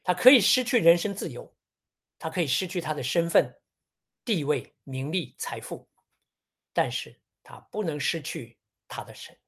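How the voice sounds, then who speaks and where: A preacher giving a sermon on a Bible passage in a measured, teaching tone, often posing rhetorical questions. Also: mid-range voice, lively intonation, slightly rough.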